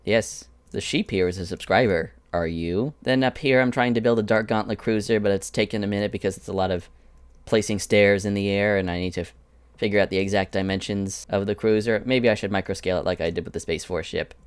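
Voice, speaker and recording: Man, casual walkthrough, chatty and wandering, smooth resonant voice, dry close sound. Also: fairly low pitch, fairly even intonation, a little fast, no room sound. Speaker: animator showing his Minecraft prop world. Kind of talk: casual screen-recorded walkthrough.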